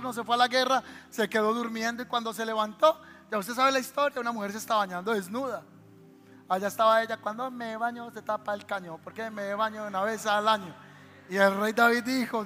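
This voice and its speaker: High bright-voiced Colombian pastor preaching. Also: male voice. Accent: Colombian Spanish. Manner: preaching with sudden shouted exhortations; addresses the congregation directly, asking for amens. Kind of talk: sermon. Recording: music behind, long hall reverb.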